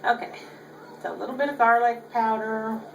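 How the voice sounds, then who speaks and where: Filmed by her son on a camera whose far-off mic catches room echo and background noise, this older Southern cook chats folksily through a kitchen demonstration. Her slightly high voice carries vocal fry, keeps a moderate pace and fairly even intonation, and the audio sounds dull.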